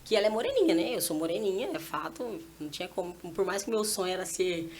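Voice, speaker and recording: In a church podcast setting, a mother of a young daughter shares a moving parenting anecdote, speaking quickly and chattily in a fairly low voice. She brings the story to life by performing the exchange between herself and her child in casual testimony. A little room noise can be heard behind her.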